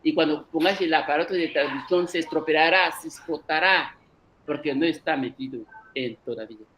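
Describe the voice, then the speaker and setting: Speaking directly to his audience, a man from Equatorial Guinea, a native speaker of an African language, argues forcefully in an unscripted cultural conference lecture. His slightly high, bright voice moves at a normal pace, captured in a low-quality recording with slight background noise.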